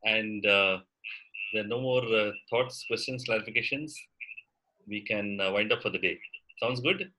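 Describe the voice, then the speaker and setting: An Indian man with a fairly low, sharp-toned voice leads a group coaching session over a video call at a normal pace. He's encouraging and often says "absolutely" and "you know." The recording quality is low.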